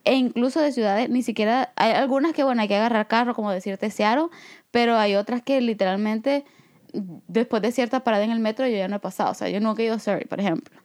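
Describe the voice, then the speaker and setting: A woman from El Salvador with a Salvadoran Spanish accent, co-hosting a podcast in relaxed, chatty conversation. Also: a little high, fast. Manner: relaxed, chatty, frequent fillers and laughs. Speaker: podcast co-host. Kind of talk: casual chat.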